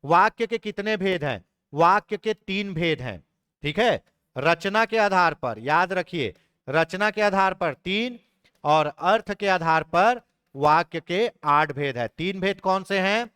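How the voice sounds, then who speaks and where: A man's voice: high-pitched, animated, bright, forceful tone, clean tone, dry recording, studio quality. A young man, teaching an exam prep lesson and patiently spelling words out letter by letter. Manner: explains patiently, spells words out slowly, checks in with "ठीक है".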